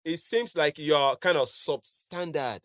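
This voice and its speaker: A man's voice: fairly high pitch, measured pace, fairly bright tone, no room sound. A man with a Nigerian accent hosting a casual podcast chat in a studio, explaining his points step by step and checking in with "right?". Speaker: podcast host.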